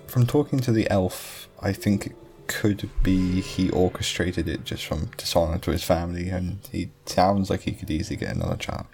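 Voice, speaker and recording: A man at a tabletop game reasons aloud in a measured way. His voice is lowish but very animated in pitch. Faint music plays underneath. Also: vocal fry. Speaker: player. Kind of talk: playing a tabletop game in character.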